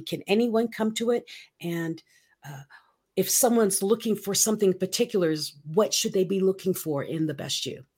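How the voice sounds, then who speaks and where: A woman's voice: on the low side, breathy edge. Upbeat chatty woman in her fifties. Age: 50s. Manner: upbeat, laughs often. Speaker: host. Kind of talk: casual talk show chat.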